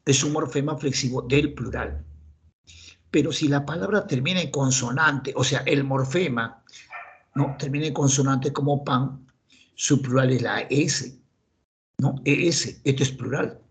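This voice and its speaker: Gravelly Peruvian teacher explaining grammar. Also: male voice, mid-range voice, unhurried. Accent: Peruvian Spanish. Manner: quizzes himself aloud, answers in students' voices. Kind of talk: classroom grammar lecture.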